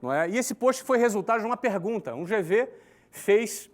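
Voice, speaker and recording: A man in his forties gives a conversational recorded talk to an online audience, often checking in with tag questions. His voice sits high and moves a little fast, and he lists steps emphatically in a lively rhythm.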